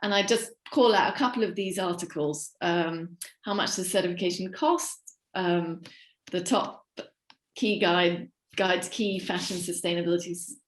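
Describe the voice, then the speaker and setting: A woman from the platform team giving a webinar walkthrough while sharing her screen, steady and explanatory with filler ums. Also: on the low side, moderate pace, roomy sound.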